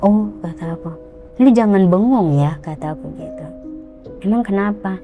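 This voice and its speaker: A young woman excitedly telling a ghost story, acting out the voices of the people in it. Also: mid-range voice, normal speed, narrow, tinny audio, soft background music. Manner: excited, animated, acts out quotes. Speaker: guest storyteller.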